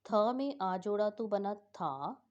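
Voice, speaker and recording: A woman teacher patiently explaining a school lesson for exam revision, repeating each word slowly. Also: medium pitch, expressive, a little mellow, highs cut off.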